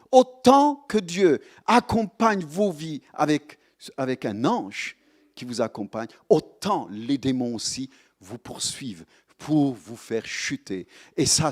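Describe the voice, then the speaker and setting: Animated male pastor from Ethiopia. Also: medium pitch. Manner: animated, emphatic, repeats phrases for force. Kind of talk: sermon.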